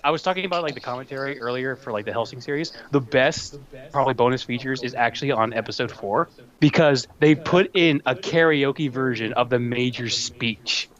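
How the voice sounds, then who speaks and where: A man's voice: medium pitch, a little fast, a bit bright, muffled recording. A man co-hosting a casual late-night chat who rambles and laughs between thoughts. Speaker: podcast co-host.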